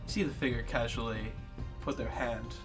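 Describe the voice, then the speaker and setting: A man playing a tabletop game, describing his character's actions in a low, playful mumble. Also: fairly even intonation, moderate pace, over music. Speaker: player.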